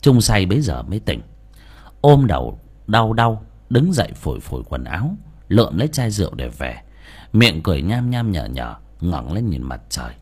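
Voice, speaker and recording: A man narrating a folk ghost story in a lively, colloquial, dramatic way. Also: sits low, normal speed, husky. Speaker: audiobook narrator.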